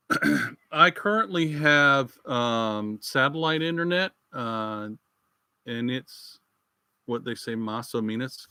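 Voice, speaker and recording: Folksy American expat host, bright voice. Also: male voice, mid-range voice, no room sound. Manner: folksy, rambling, chatty. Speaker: channel host answering viewer questions. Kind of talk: live-stream Q&A chat. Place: rural home in Chile.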